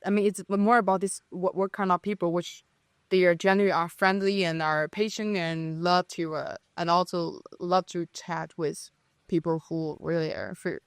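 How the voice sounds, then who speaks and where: A young woman from China, a native Chinese speaker with a Chinese accent, is a guest on a podcast having a casual conversation. She speaks hesitantly at normal speed, with many restarts and fillers, in a lowish voice with fairly even intonation. The recording is dry and studio quality.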